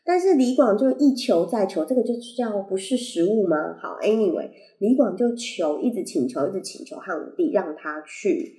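Recorded through a compact condenser mic plugged into a phone, this solo podcast sounds roomy and echoey. The host, a woman with a Taiwanese Mandarin accent and braces that blur her articulation slightly, has a mellow, mid-range voice. She's animated, keeps a moderate pace with hardly any pauses, and rambles in a playful, self-correcting way.

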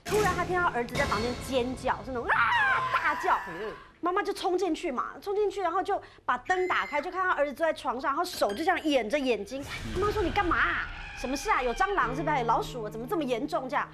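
A woman casually telling a ghost story on a podcast, chatty and animated, with many filler particles. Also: high-pitched, quick pace. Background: background music.

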